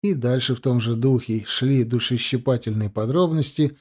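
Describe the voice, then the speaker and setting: A man with a mellow, warm voice reads a novel aloud in a steady, measured way. His delivery is even-handed scripted audiobook narration. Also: medium pitch, breathy edge. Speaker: audiobook reader.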